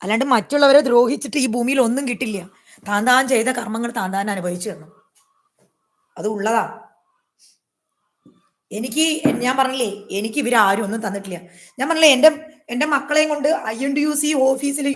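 A woman's voice: fairly high pitch, fairly quick, pauses often. A woman talking straight to her viewers in a personal vlog, emphatic and aggrieved, repeating her points. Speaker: YouTuber. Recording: echoey room.

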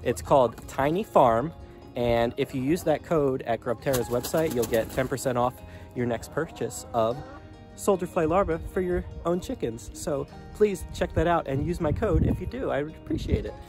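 A man in his thirties talking casually to a handheld phone outdoors in his chicken run, relaxed and rambling with many ums. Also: fairly high pitch, normal speed, faint music behind. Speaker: small farm vlogger. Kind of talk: casual vlog talk to camera. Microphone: phone at arm's length.

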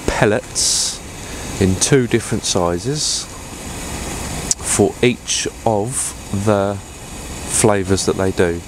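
Deep-voiced bloke chatting casually. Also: male voice, very slow, background noise. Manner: chatty, rambling, with fillers and restarts. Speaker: fishing vlogger. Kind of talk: casual vlog chat to camera. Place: inside a fishing bivvy tent by a lake. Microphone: clip-on lapel mic.

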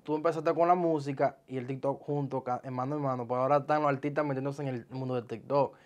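A young man, hosting a casual interview in a small studio, friendly and animated when he makes a point. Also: medium pitch, quick pace. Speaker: podcast host. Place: small indoor studio with sofa chairs.

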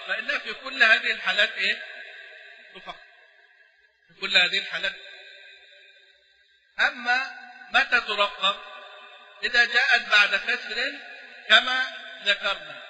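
A male Quran recitation teacher giving a classroom lecture on a poem, often prompting his students with quick questions. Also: high voice, bright, forceful tone. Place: mosque recitation hall. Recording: echoey hall reverb.

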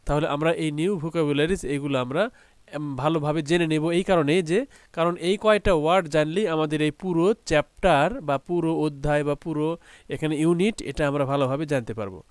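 A man gives an online school lesson, patiently spelling out words letter by letter and syllable by syllable. His voice sits a little high and sounds smooth and clear, recorded close and dry with no room echo. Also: fairly quick. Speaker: teacher.

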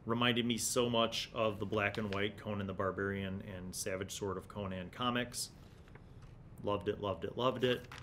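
This is casual, nostalgic chatter from an American man in his forties hosting a retro gaming show while paging through an old magazine. The small indoor studio recording, made on a big desk condenser microphone, is clear but carries low background rumble and noise.

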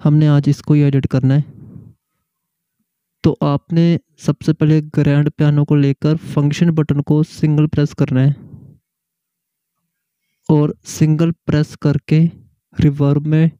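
A man hosting a keyboard tutorial, slowly explaining each setting step by step. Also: a little high, flat delivery, mellow, clean tone, no echo. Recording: muffled, slightly lo-fi audio.

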